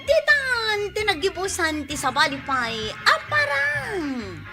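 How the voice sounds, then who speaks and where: A woman's voice: very high voice, very animated, slow. A woman narrating and announcing a radio drama, with emphatic, sing-song, scripted theatrical delivery. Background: music.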